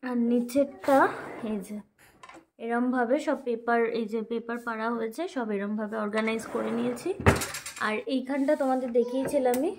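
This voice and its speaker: Home-vlog woman, somewhat high voice, chatty kitchen narration, phone recording with light hiss. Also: steady tone, normal speed. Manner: chatty, talks to viewers while doing kitchen chores, coaxing baby talk to a child. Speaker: vlogger.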